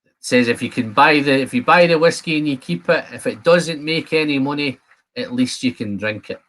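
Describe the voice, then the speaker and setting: Hosting a live stream, a man from Scotland in his fifties chats easily with viewers, using their names. He talks at normal speed in a medium-pitched voice that's a bit bright.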